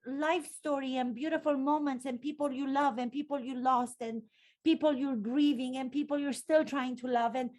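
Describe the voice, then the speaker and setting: A Romanian woman with a Romanian accent hosts an interview conversation, speaking expressively in her role as podcast host and acting coach. Her voice is high and a little mellow, with a steady tone and moderate pace.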